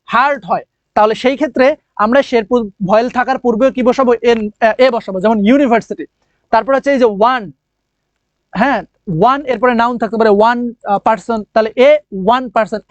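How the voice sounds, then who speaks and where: A man's voice: very high-pitched, no room sound, highs cut off. Man teaching English, dry sound. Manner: asks students questions and answers them himself; drawn-out emphasis on key words. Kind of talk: online admission coaching lesson.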